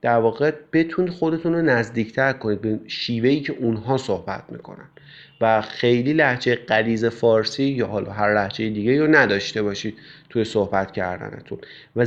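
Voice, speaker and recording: A male English teacher explains step by step how to study with a textbook, often using filler sounds. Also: mid-range voice. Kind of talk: classroom explanation. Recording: slightly dull, lo-fi recording.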